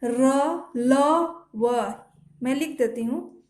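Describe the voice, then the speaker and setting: A woman's voice: a little high, dark tone. A woman teaching shorthand step by step, repeating each sound and quizzing the listener as she writes. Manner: slow, repeats each sound and asks "what to read?". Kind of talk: step-by-step spoken lesson while writing. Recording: echoey room.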